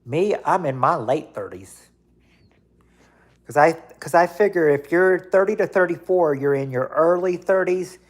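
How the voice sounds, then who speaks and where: A man in his late thirties reads viewer comments on his livestream, chatting casually while he rambles, repeats himself and uses many fillers. His voice is a little high, expressive and a little slow.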